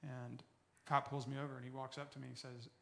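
A man in his forties giving an earnest personal recovery testimony, often dropping soft and low as he tells his story. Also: flat delivery, a little fast, vocal fry.

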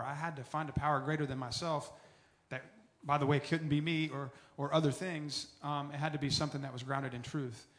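Earnest man telling his recovery story. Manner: earnest storytelling, often dropping soft and low. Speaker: recovery testimony speaker. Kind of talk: personal testimony talk.

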